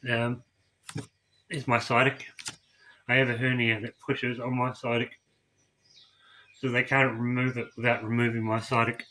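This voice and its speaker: Tearful man telling his story, bright voice. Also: medium pitch, a little hiss or hum. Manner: emotional, tearful, halting with repeated words. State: crying. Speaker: vlogger. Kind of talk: personal story to camera.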